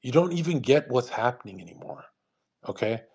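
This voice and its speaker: A man with a husky, breathy voice of ordinary pitch hosts a podcast. He talks in a loose, rambling monologue, swearing often and tossing in "man" and "bro". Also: animated, a little fast, darkish tone. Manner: profane, rambling rant with frequent "man" and "bro". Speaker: podcast host.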